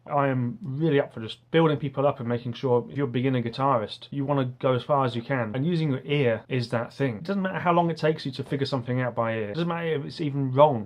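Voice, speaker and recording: Man who says w for r, chatting earnestly. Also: medium pitch. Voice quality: soft R sounds, says w for r. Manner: earnest, rambling, enthusiastic. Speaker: guitarist and online music teacher. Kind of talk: casual talk to camera.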